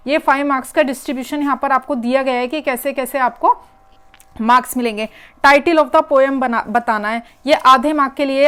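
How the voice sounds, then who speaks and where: A woman's voice: high voice, fairly bright tone. A woman teacher, working through an exam paper step by step and repeating the key words. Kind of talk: exam paper walkthrough lesson.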